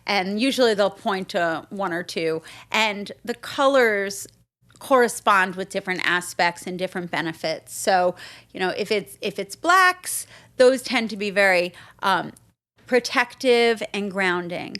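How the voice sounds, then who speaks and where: A woman's voice: mid-range voice, measured pace, fairly bright tone. Upbeat woman explaining on a podcast. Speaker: podcast co-host and shop owner. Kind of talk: casual podcast chat.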